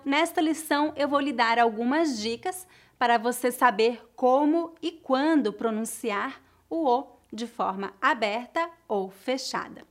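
A woman from Brazil with a Brazilian Portuguese accent, teaching a language lesson and spelling out each word with care. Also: high voice. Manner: carefully enunciated, repeats example words for drilling. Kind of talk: slow, clear language lesson.

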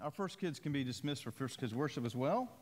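A man's voice: medium pitch, animated, a little fast, loud music behind the voice. A man preaching a sermon as pastor, talking conversationally with frequent asides and tag questions. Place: church sanctuary. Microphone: worship mic. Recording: long reverb of a church hall.

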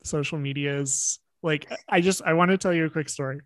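A woman's voice: deep voice, moderate pace, no echo. A woman co-hosting a podcast, telling a story in an amused, casual way. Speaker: podcast co-host. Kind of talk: casual chat.

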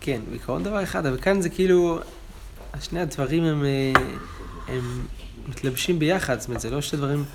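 A man teaching a daily Talmud class in speech, explaining passages and chanting the quoted lines louder. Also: a little high, very noisy.

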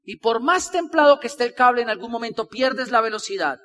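A man giving an animated, repetitive motivational talk to a crowd, acting out the people he quotes. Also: very high voice, a little fast. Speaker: motivational speaker. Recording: live talk with long hall reverb.

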